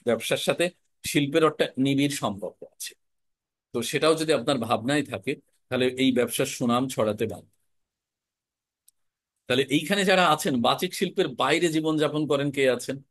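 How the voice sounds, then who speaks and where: A man teaching an online class on spoken-word art, explaining in a measured, emphatic way with deliberate pauses. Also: mid-range voice, a bit bright, no echo. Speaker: recitation and voice teacher.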